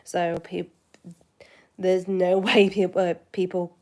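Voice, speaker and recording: A West Yorkshire woman with a Yorkshire accent hosts her channel, chatting casually and answering viewers. Her voice sits on the low side with a dark tone, and she speaks slowly and flatly. She rambles, full of fillers and restarts.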